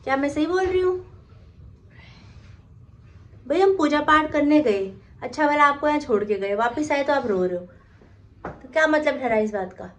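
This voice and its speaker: A woman's voice: high voice, lively intonation, normal speed, fairly bright tone. A woman narrating her daily vlog in a chatty, teasing way, asking lots of questions. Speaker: vlogger. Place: at home and out running errands.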